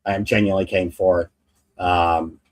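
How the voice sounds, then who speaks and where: A man's voice: low-pitched, fairly even intonation, moderate pace. A man as a guest in a casual sports and wrestling chat, talking in a blunt, slangy, sweary way.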